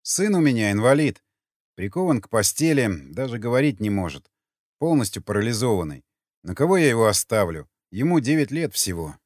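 A man reading the lines of a weary, bitter father in an audiobook, with an animated pitch and a dry close sound. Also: a little fast, dry recording. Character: weary grieving father, a stern settlement man.

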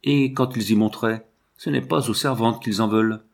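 A man voicing an agitated young male scientist who gives rapid, excited commands. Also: on the low side, vocal fry. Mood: feverish.

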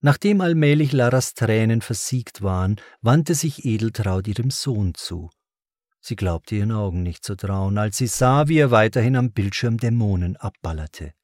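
A man reading a novel aloud as narrator, in a measured and dramatic storytelling voice. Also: fairly low pitch, lively intonation, darkish tone, dry recording, clean studio sound. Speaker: audiobook narrator. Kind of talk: scripted narration.

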